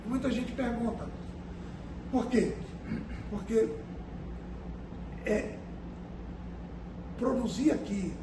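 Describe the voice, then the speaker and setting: A high-voiced man answers an interviewer earnestly, stopping to repeat words as he finds his point. He was recorded from a distance in an echoey room with clear background noise. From Brazil, Amazonas. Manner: earnest, deliberate, repeats words while searching. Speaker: company director, interviewee.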